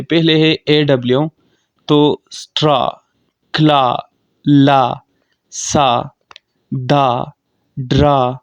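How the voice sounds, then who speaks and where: A man teaching phonics, calmly explaining definitions and reading word lists. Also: mid-range voice, dry recording, highs cut off. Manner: slow, deliberate, reads definitions and word lists aloud. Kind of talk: classroom explanation.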